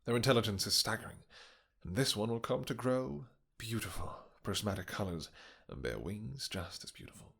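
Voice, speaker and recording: A man playing a possessive, doting vampire king in a romantic fantasy roleplay, speaking in courtly, old-fashioned phrases with hesitant pauses and endearments. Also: fairly low pitch, lively intonation, gravelly, a bit bright, husky, heavily acted. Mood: proud. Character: doting, possessive, vengeful male vampire king with horns and wings.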